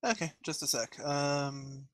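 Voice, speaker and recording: A man's voice: on the high side, level tone, takes it slowly, fairly bright tone, no room sound. A man talking casually as a player at a tabletop game, with a wry manner.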